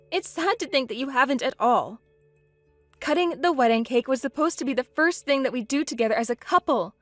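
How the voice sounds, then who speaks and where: A woman's voice: high voice, no echo. A woman voicing a hurt, indignant young bride in a text-message story, speaking in an upset, pleading way.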